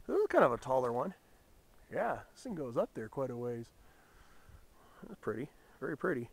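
A nature vlogger from Southern California, recovering from a head cold that leaves his voice deeper and raspier than usual, walks through a mountain forest before dawn. He names plants in a musing, relaxed way at a moderate pace, as casual walking commentary. The audio comes from an outdoor camera, with background noise.

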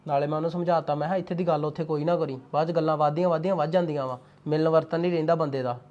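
A man's voice: fairly high pitch, steady tone, a little mellow, lo-fi sound, lightly acted. An actor playing a young Punjabi farmer with a Punjabi accent, talking with his mother and wife in a family drama. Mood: calm. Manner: fast, assertive, dismissive when irritated. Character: young Punjabi farmer, stubborn, short-tempered husband. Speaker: young farmer son and husband. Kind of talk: Punjabi web drama acting.

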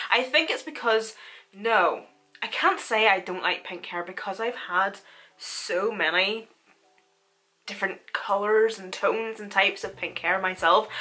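Beauty vlogger: woman in her twenties, crisp bright tone, informal and chatty, mid pitch. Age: 20s. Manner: informal, chatty, animated storytelling. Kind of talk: casual chatty makeup tutorial. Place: small room at home, indoors.

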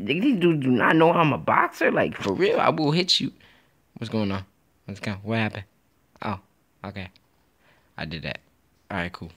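Young man, gravelly voice, lively swings in pitch, slangy excitable gameplay commentary. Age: young adult. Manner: excitable, trash-talking, laughing, slangy. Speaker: gaming YouTuber.

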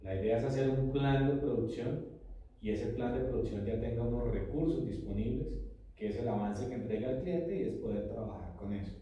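A middle-aged man who owns a coffee company, answering interview questions in a measured, explanatory way in an office meeting room. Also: medium pitch, warm tone. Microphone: far camera. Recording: echoey room from far off.

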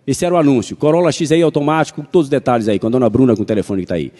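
A Brazilian pastor and physician telling a story in a sermon, animated and acting out the dialogue. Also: male voice, medium pitch, rapid-fire. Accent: Brazilian Portuguese. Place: church hall. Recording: reverberant church hall.

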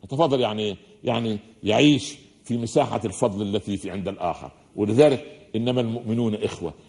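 A man with an Egyptian accent giving a religious lecture in a hall, talking fast and mixing formal and everyday speech as he asks the audience questions. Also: fairly low pitch, vocal fry, darkish tone. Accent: Egyptian Arabic. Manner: fast-talking, says listeners are used to his speed.

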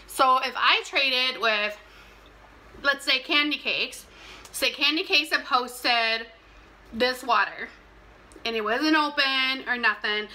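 In a low-quality recording with clear background noise and clicks, a young woman eats on camera for her mukbang vlog in a small, plain room. She chats casually and animatedly, at times between bites, in a high-pitched, bright and forceful voice.

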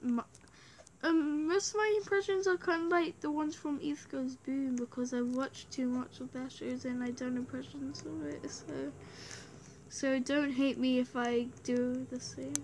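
A woman's voice: sits high, fairly even intonation, measured pace, a little mellow. A young girl rambling through casual gameplay commentary, full of "like" and "um", over faint background noise. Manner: rambling, many fillers. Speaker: let's play host.

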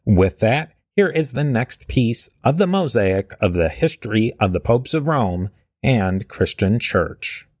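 On his history podcast, a man first thanks supporters and then talks earnestly with a guest in a casual conversation, using fillers and restarts along the way. His medium-pitched voice is very animated and a little mellow, and his pace is slightly slow.

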